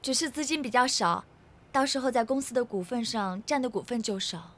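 An actress playing a sweet, earnest young daughter in a television drama. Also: female voice, fairly high pitch, fairly quick, fairly bright tone, natural voice. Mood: earnest, concerned. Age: young adult.

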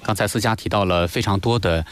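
A man's voice: on the low side, fast talker, a crowd in the background. A man working as a news anchor, hosting a live broadcast and handing over to reporters.

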